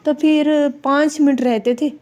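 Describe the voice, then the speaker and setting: A young mother talks through a casual home vlog in a rather high, mellow voice. She rambles easily from one thing to the next and slips into a sing-song coo when she speaks to her baby. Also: fairly even intonation. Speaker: family vlogger, mother of a small child.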